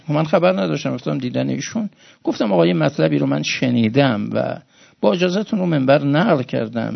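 A male preacher with a gravelly, slightly high voice gives an emotional sermon. He drops to hushed storytelling, then rises to loud, high exhortation. The recording sounds dull and lo-fi.

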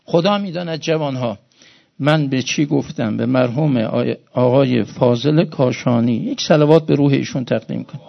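A man preaching a sermon, moving from hushed storytelling to loud, high-pitched exhortation. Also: creaky, highs cut off.

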